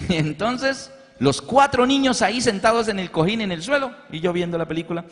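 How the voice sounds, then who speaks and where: A middle-aged male pastor preaches with a high, bright-sitting voice. He tells stories animatedly, acting out the scenes. Long reverb from a large hall follows his words. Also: expressive, normal speed. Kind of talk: storytelling sermon.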